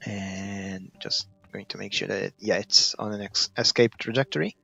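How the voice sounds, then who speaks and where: A man with a Maltese accent talks through his gameplay without a script, trailing off and searching for words. His voice has a creaky, gravelly edge. The recording is dull and muffled, with light music behind him. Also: fairly even intonation, normal speed, sharp tone. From Malta. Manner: hesitant, thinking aloud, trailing off. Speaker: gaming video creator. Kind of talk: unscripted gameplay commentary. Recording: muffled, dull low-fidelity audio.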